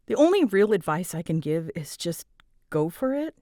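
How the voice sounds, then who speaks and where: An online creator answers listener questions close to the mic, her fairly low voice recorded dry at a moderate pace. She chats casually, rambling and self-deprecating, and gets animated when quoting herself.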